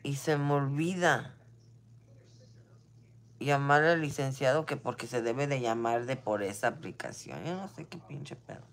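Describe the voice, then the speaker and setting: A woman's voice: extremely low pitch, measured pace. A woman with a Mexican accent venting in a casual monologue, blunt and full of slang and swearing, now and then dropping English phrases. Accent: Mexican Spanish.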